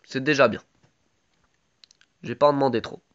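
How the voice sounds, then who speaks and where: A man's voice: mid-range voice, fairly even intonation, normal speed, lo-fi sound. A man with a sore throat giving casual live commentary on his own game, chatty and full of gamer slang.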